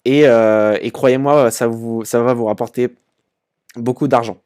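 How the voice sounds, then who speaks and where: A man's voice: mid-range voice, steady tone, unhurried, darkish tone, clean tone. Chatty young man with many fillers. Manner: informal and chatty, many fillers and repeated words. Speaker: e-commerce channel host. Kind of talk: casual screen-share commentary.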